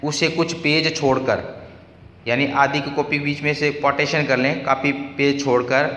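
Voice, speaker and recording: A man teaching a class of children, giving patient instructions and slowly chanting word forms over and over. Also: medium pitch, fairly even intonation, fairly bright tone. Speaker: school teacher. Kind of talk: recorded online lesson. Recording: echoey room with long reverb.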